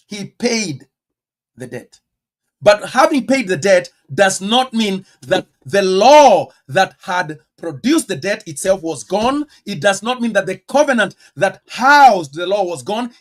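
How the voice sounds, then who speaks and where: A pastor with a Kenyan accent preaches a teaching sermon in a high-pitched voice, stressing words and firing off rhetorical questions. He moves between sudden loud bursts and quiet asides.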